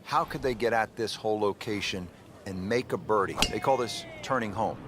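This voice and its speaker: A man's voice: lowish voice, normal speed, background noise, lightly acted. A man working as a lead golf commentator, calling play in short, polished lines. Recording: music and crowd behind. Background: music, loud crowd.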